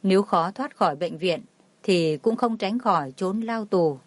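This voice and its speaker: A woman tells a dramatic story in an even storytelling voice. Her voice sits at a middle pitch. It is recorded close and dry, with no room sound. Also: measured pace, no echo. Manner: reads all the figures herself, barely changing her voice. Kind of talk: scripted narration.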